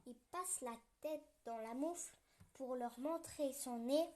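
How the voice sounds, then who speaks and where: A woman reading a children's story aloud, gentle and playful with snoring sound effects. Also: sits high, slow.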